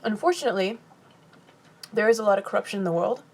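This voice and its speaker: Medium-pitched and a little mellow, this animated young woman from California is eating during a phone live stream while casually answering viewer questions. She's chatty, reading comments aloud and replying with quick laughs.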